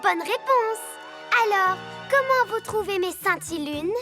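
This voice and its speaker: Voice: very high voice, lively intonation, a little slow. An actor voicing a smug, scheming little girl moon villainess, sugary and taunting, in a French cartoon dub. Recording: clear background music under dialogue.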